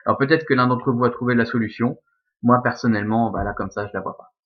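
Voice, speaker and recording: A man's voice: mid-range voice, fast, narrow, tinny audio. A man teaching a Latin class from a recording, explaining step by step and often checking with "ok?". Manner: explanatory, checks understanding with frequent "ok?" and "d'accord?". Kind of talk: recorded remote lesson.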